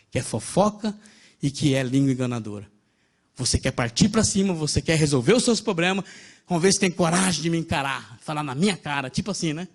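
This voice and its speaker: A man with a Brazilian accent preaching a sermon in a conversational, storytelling way, often addressing listeners as brother. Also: high voice. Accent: Brazilian Portuguese. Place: church in Japan.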